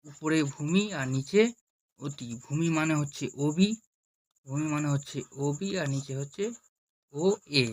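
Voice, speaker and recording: A man teaching a math lesson, slowly repeating each step and asking questions he answers himself. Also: fairly high pitch. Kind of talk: classroom-style lesson.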